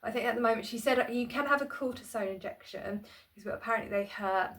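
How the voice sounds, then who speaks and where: A woman's voice: on the high side, fast, a bit bright. Chatty woman vlogging at home. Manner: rambling, chatty, self-deprecating with frequent "um" and restarts. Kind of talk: casual chatty vlog. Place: small home room, indoors. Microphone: phone camera on tripod.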